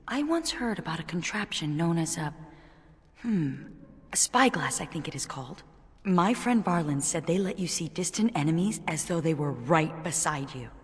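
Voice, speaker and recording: A woman's voice: low voice, animated, normal speed, in a large hall. An actress playing an earnest, curious young warrior woman in a video game, a reflective survivor who speaks with wonder. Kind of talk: video game character acting.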